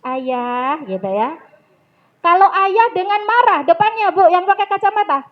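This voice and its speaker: A woman leading a public speaking training in a mosque hall, coaxing her audience and telling stories in a lively way. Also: extremely high pitch, normal speed. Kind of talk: interactive training talk with storytelling. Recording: dull lo-fi recording.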